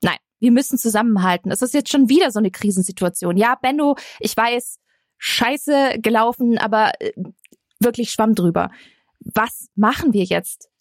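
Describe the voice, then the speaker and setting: A woman's voice: on the high side, animated, moderate pace, no room sound, clean studio sound. A woman playing a tabletop role-play game, anxious and trying to keep the peace. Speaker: player.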